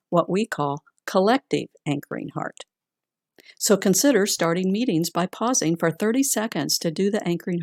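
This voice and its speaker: Calm, low-voiced woman guiding a grounding exercise. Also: dry recording, studio quality. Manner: slow, gentle, deliberate with long pauses. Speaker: guided grounding exercise instructor. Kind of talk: calm guided grounding exercise, slow soothing instruction.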